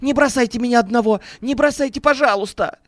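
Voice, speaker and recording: Audiobook role: a man playing a panicked middle-aged businessman, shrill and wailing, very high voice, dry close sound. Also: fast talker, no room sound. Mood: panicked pleading.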